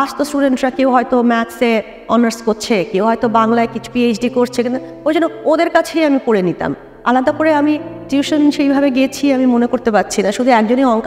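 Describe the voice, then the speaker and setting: Reminiscing Bengali woman, long reverb. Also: sits high. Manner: thoughtful, many hesitations and restarts. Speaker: guest dancer. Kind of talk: relaxed conversational reminiscing.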